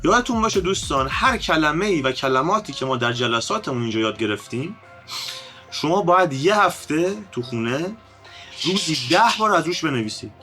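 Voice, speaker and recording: A man teaching an online lesson on an ancient script, explaining in a lively way, addressing viewers as friends and drawing out each letter sound. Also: a little high, faint music behind.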